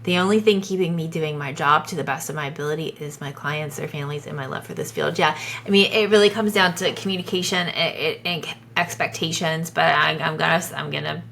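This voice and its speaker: Chatty Southern woman with a bright voice. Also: deep voice, brisk, gravelly, a little hiss or hum. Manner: animated, chatty, laughs often, many restarts. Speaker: podcast co-host. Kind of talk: casual chat reading listener stories.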